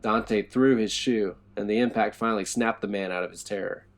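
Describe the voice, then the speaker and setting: A man narrating a horror story in a low, tense storytelling manner. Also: fairly even intonation, moderate pace.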